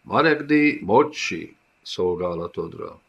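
A man's voice: deep voice, lively intonation, vocal fry, husky, dull audio, exaggerated voice. A man doing a fawning, crafty little prisoner. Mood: wheedling. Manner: fawning, wheedling. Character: small bald crafty older male prisoner.

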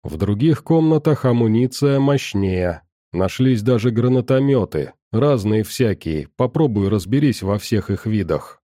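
Dark-voiced male audiobook narrator. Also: fairly low pitch, lively intonation, a little slow, hardly any pauses, dry recording, clean studio sound. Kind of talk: first-person scripted narration.

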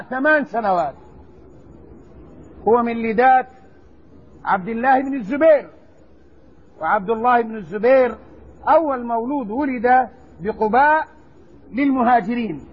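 A man teaching a recorded religious lesson, explaining slowly and deliberately and stressing word forms. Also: extremely high pitch, slightly rough. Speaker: Islamic scholar teaching hadith. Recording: dull lo-fi lecture recording.

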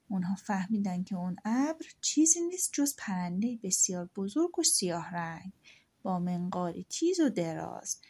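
A woman narrating a folk tale for an audiobook, in a steady storytelling voice at an ordinary mid pitch. Her reading is soft and at times drops to a hush.

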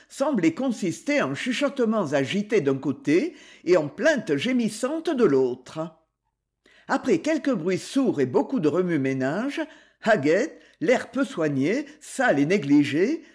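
A woman's voice: mid-range voice, darkish tone. A woman narrating a classic mystery story in a scripted reading style. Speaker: audiobook narrator.

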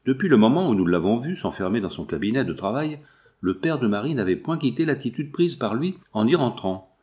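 A man reading a novel aloud in measured, dramatic narration. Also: medium pitch, big pitch swings, darkish tone. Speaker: audiobook reader. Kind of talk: scripted narration.

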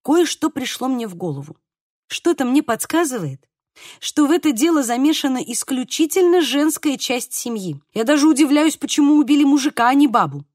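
A woman reads an audiobook with expressive, lively delivery. Her voice is fairly high and moves widely in pitch, recorded close with a dry sound. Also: brisk, no room sound. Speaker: audiobook narrator. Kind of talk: scripted narration.

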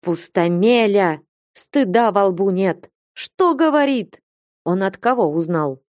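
A woman voicing a stern, imperious old abbess in an audiobook, sharp and impatient. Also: on the low side, lively intonation, slow pace, no room sound, clean studio sound. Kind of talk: audiobook character reading.

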